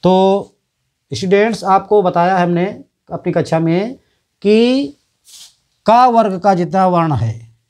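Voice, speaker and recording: A man teaching an exam-prep lesson in a Hindi accent, repeating each letter and answer slowly. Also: sits high, a little mellow.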